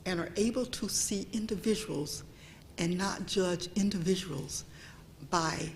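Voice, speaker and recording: This is a lowish female voice at a measured pace, with a little hiss or hum in the recording. She is a guest at a church event giving a public talk on history in a church meeting room. Chatting with the audience, she asks "okay?" to check in and sinks to a near whisper when she wants to stress something.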